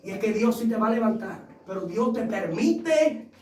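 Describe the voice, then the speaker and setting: A male pastor preaching a passionate sermon, telling personal stories and rising into shouts. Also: high-pitched, lively intonation, moderate pace. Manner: impassioned preaching that swells into shouts; tells personal stories with acted quotes. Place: church sanctuary. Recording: echoey church sound from a distant mic.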